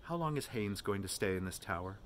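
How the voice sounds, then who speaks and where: A man voicing a weary, resentful young man in a quiet, sullen, terse manner. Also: on the low side, animated, fairly quick, slight background noise, close to an everyday voice. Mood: quiet, wary.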